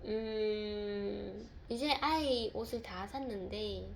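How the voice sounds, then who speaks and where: A woman in a mid-pitched voice tells a personal faith testimony as a mother. She rambles, fills pauses and repeats herself. A faint background hiss sits under her voice. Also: gravelly. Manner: rambling, full of fillers and repeated words.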